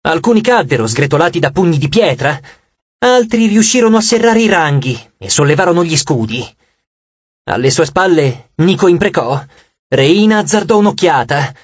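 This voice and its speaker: A man's voice: sits high, lively intonation, normal speed, dry recording, dull audio. A man narrating an audiobook with dramatic, scripted storytelling.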